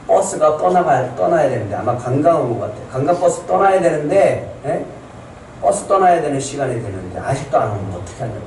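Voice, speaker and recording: A male pastor preaching a Sunday sermon, telling stories and acting out people's complaints with animated shifts in voice. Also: a little high, fairly quick, roomy sound, recorded from a distance, slight background noise, poor audio. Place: church sanctuary.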